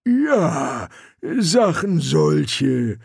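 A man voicing a slow-witted troll soldier who mangles his word order. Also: fairly high pitch, big pitch swings, creaky, slightly rough, dry recording, studio quality, full character voice. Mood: earnest. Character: troll soldier speaking broken grammar, slow and dim.

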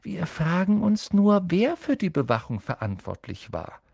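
A man doing a high, coaxing schoolgirl. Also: big pitch swings, unhurried, vocal fry, a little mellow, husky, no room sound, clean studio sound, full character voice. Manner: coaxing, pressing. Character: clever, insistent schoolgirl.

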